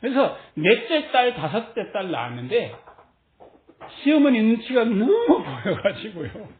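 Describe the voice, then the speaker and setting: Animated woman preaching over a tinny line. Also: on the high side, a little slow, slight background noise. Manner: animated, acts out quoted voices, laughs often. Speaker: pastor. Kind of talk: sermon. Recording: tinny phone-like sound in an echoey room.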